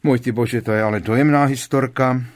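A man's voice: mid-range voice, animated, a little mellow, close to an everyday voice. A man reading aloud and voicing a cold, haughty young woman with a sarcastic edge.

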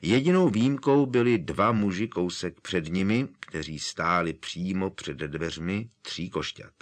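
A man narrating an audiobook with expressive, dramatic storytelling. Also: low-pitched.

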